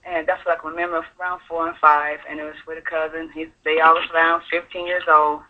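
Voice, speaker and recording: A woman calling in to a radio show, telling her personal story in a halting, earnest way. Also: low voice, little pitch movement. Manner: halting, earnest, full of fillers. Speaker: caller sharing her story. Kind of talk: personal testimony on call-in radio. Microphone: telephone. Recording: tinny phone line.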